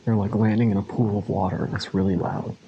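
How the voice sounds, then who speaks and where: A man's voice: lowish voice, flat delivery, quick pace, highs cut off, background noise. A man talking casually and in awe to his camera as he explores alone, his voice echoing in a cave. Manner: awed, informal. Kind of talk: casual vlog chat, speaking to camera. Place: inside a lava tube cave.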